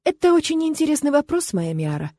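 A woman's voice: high-pitched, very animated, brisk, mellow, no room sound, voice pushed up. Woman reading a teasing young emperor. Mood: sly. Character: confident teasing male emperor, young adult.

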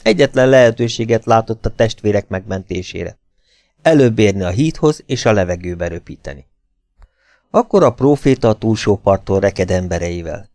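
A man reading an audiobook aloud in a lively, expressive way, with sudden rises in pitch. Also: no echo. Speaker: audiobook reader. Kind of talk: scripted audiobook narration.

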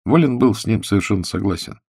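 A man narrating an audiobook in a steady, even storytelling manner. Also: fairly low pitch, fast talker, gravelly, breathy edge, dry recording, clean studio sound. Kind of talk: scripted narration.

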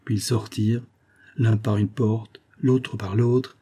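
A man reading a French novel aloud as an audiobook, in a slow, gentle narration. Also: fairly low pitch, steady tone, husky. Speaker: audiobook reader. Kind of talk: scripted narration.

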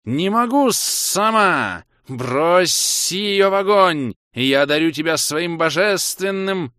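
Brief: male reader doing a huge female flame cobra for an audiobook, high, loud, slow roaring commands. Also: animated, no echo, studio quality, full character voice. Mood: furious. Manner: roaring, slow, drawn-out demands. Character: giant fiery female cobra, furious and commanding.

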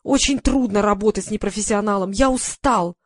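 A woman's voice: medium pitch, brisk, dry recording, close to an everyday voice. A woman doing a whiny male actor. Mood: complaining, scornful. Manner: complaining, scornful.

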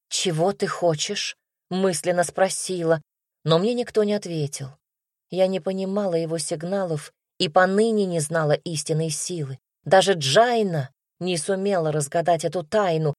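A woman reading a first-person fantasy audiobook in a steady, expressive way. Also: fairly low pitch, no room sound, studio quality. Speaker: audiobook narrator.

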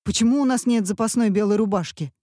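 A woman voicing a nervous, fussy husband who keeps shouting anxious questions, in an audiobook reading. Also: medium pitch, fast talker, no room sound, clean studio sound, pitched above the performer's own voice, lightly acted. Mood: agitated. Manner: agitated, nagging questions.

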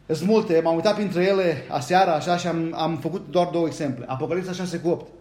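A man preaching a sermon, reading scripture aloud and often turning to the congregation with a quick rhetorical question. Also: fairly high pitch, a little mellow, echoey room. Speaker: pastor. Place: church hall.

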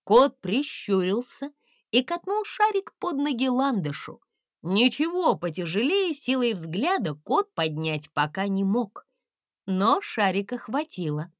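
Unhurried, expressive woman storyteller. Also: on the high side, dry recording, studio quality. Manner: expressive, measured. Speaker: audiobook narrator. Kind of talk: scripted storybook narration.

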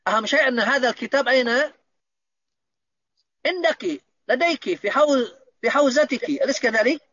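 A man's voice: very high-pitched, brisk, fairly bright tone, slightly rough, no echo, highs cut off. A man teaching Arabic grammar in an online lesson, patiently explaining and checking that students understand.

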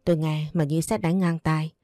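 A woman narrating a sad first-person story in a steady, sorrowful way. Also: low voice, normal speed, no echo, studio quality, faint music behind.

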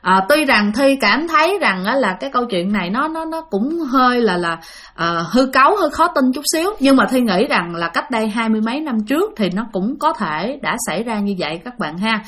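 Lively woman telling ghost stories. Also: a little high, a little fast. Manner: chatty and animated, with many fillers. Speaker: storyteller. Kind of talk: spoken ghost-story narration.

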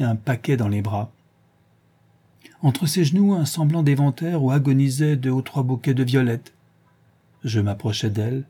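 A man from Alsace reading a literary story aloud in a measured, expressive way. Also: medium pitch, breathy edge. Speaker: reader. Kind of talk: literary audiobook narration.

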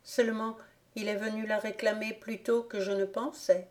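A woman voicing a soft, resigned young woman. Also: medium pitch, flat delivery, moderate pace, close to an everyday voice. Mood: gentle. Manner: soft, gently firm. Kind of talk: audiobook character reading.

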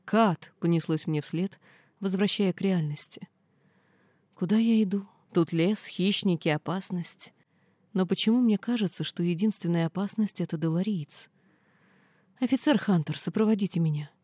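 A woman reading a first-person fantasy novel aloud in steady storytelling. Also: on the low side, moderate pace, no echo, clean studio sound. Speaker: audiobook reader.

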